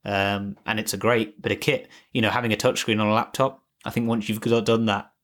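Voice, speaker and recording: A man's voice: fairly low pitch, level tone, a little fast, a bit bright. A man co-hosting a podcast, talking casually and rambling with many restarts and fillers. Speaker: podcast co-host. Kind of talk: casual tech chat.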